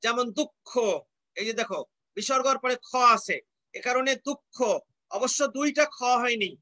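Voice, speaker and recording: A male teacher from Bangladesh gives an online lecture in a strikingly high, bright voice. He explains patiently, stretches each example word out slowly and keeps asking his students questions he then answers himself. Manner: explains patiently, repeats and draws out example words, asks rhetorical questions.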